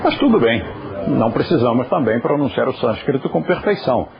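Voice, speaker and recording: A man's voice: medium pitch, very animated, fairly quick, vocal fry, crowd noise. A man teaching a yoga class, patiently explaining pronunciation and turning aside to talk to viewers at home. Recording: dull lo-fi recording.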